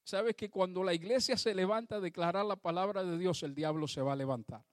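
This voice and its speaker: A man's voice: high-pitched, a little fast, dry recording, clean studio sound. A man preaching a sermon to his congregation, fervently calling out praise to God and asking the church questions. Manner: addresses the congregation directly, asks them questions. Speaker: pastor.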